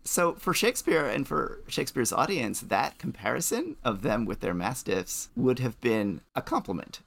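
A man's voice: mid-range voice, sing-song, moderate pace, creaky, a bit bright. A man co-hosting a podcast, talking things through thoughtfully and often restarting his sentences. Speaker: podcast co-host. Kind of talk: casual chat.

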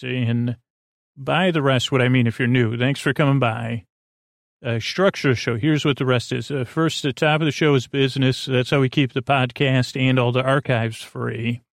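This podcast host delivers a rambling bedtime monologue, meandering, halting and repetitive, often trailing off into tangents. His creaky voice is medium in pitch, and the recording is dry with clean studio sound.

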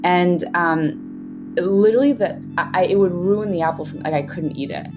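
A woman's voice: lowish voice, moderate pace. A woman from Switzerland, casually telling a personal story. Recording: loud music behind the voice. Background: loud guitar music.

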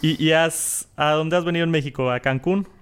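A man's voice: a little high, fairly quick, clear, resonant tone. A man, chatting in a friendly, casual way and often repeating words as he starts. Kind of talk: casual chat.

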